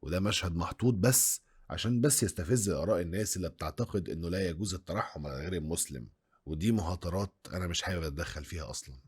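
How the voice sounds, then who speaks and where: A man's voice: sits low, very fast, breathy edge. A man with an Egyptian Arabic accent narrating a film review video essay, analytical and full of rhetorical questions.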